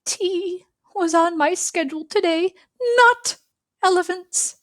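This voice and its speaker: A woman's voice: very high voice, takes it slowly, no echo, studio quality, pitched above the performer's own voice. A woman voicing a fussy, practical male pig from a children's storybook, with a grumbling, emphatic manner. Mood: flustered.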